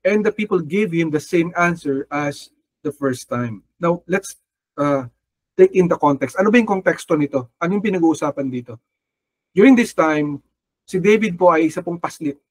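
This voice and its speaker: A man's voice: fairly high pitch, animated, normal speed, no echo. A man preaching a sermon with a Filipino accent, mixing Tagalog and English and calling listeners brother or sister. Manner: switches between Tagalog and English, calls listeners "kapatid" often; acts out quoted figures with a raised voice. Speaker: pastor.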